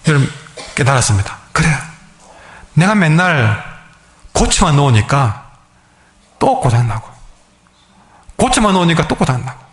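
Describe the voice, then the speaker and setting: A male pastor with a Gyeongsang accent, preaching a sermon as a lively storyteller who acts out the people in his stories. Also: fairly high pitch, moderate pace, pauses often. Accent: Gyeongsang Korean. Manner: lively storyteller, acting out quoted dialogue.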